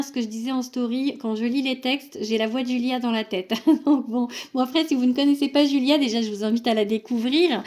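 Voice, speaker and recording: Young woman showing off an oracle deck, lots of euh and restarts, voice a bit high. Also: a little mellow. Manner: hesitant, many fillers and restarts; reads card texts aloud. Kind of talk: casual deck presentation.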